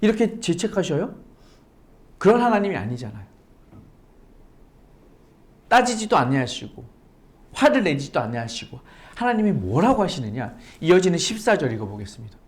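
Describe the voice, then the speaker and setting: Give me a woman pastor preaching with rhetorical questions, emphatic repetition and a lively, expressive voice. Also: low voice, moderate pace, pauses often. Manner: conversational, asks rhetorical questions. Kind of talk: sermon.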